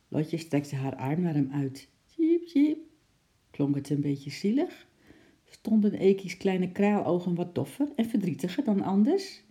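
A woman narrating a children's story in a gentle, expressive way. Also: sits low.

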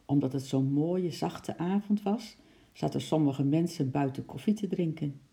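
A narrator reading a children's chapter book aloud in a calm, measured voice. The tone is very dark and mellow, with a gravelly edge. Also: medium pitch.

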